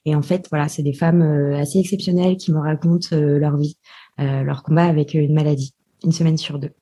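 Husky, low-voiced woman explaining slowly. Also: fairly even intonation, warm tone. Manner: explains with many hesitations. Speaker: podcast guest, digital marketer. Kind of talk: podcast interview.

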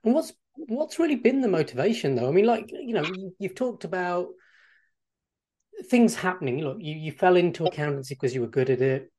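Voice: mid-range voice, expressive, fairly quick, dark tone. Encouraging interviewer. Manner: encouraging, frequent backchannels. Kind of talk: casual interview questions.

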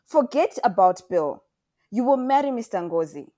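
A woman's voice: on the low side, animated, normal speed, a little mellow. A woman reading the part of an anxious, stern mother who pushes her teenage daughter, in an urgent, pleading voice. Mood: urgent, insistent.

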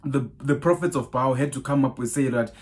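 A man delivering a sermon in a mid-range voice, warmly chatty with his listeners. He fires rhetorical questions back to back and keeps asking "right?". When he quotes scripture he turns louder and more animated. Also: mid-range voice, a little fast. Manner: animated, raises voice on Bible quotes. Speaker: preacher. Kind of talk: podcast sermon.

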